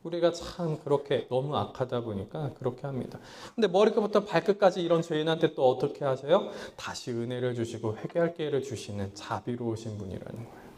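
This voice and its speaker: A man preaching a sermon as pastor, swinging between loud pleading lines and low hushed ones, acting out his own past thoughts in quotes. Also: expressive, fairly quick, slight background noise. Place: small church hall.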